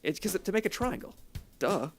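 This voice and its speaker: A man from the United States co-hosting a casual podcast, his voice a touch higher than usual for a man. He delivers jokes deadpan and mock-apologetic, with faint music in the background. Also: normal speed. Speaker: podcast co-host.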